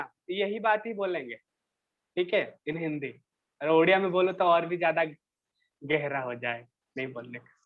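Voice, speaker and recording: A man teaching an English class, reading English lines slowly and then explaining them in Hindi. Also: high voice, fairly bright tone, dull audio.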